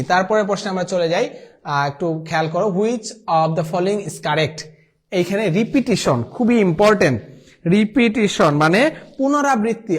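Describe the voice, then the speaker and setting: A man, teaching English grammar and going through exam answers, repeating key words slowly for drilling. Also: high voice.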